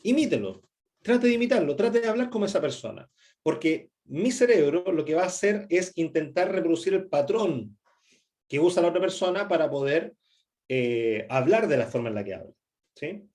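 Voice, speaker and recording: Chilean guy running a workshop, voice a bit on the high side, lots of eh and sí?. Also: expressive, moderate pace, a little mellow. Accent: Chilean Spanish. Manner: frequent "¿sí?" checks and "eh" fillers. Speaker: workshop instructor. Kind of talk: presentation skills workshop talk.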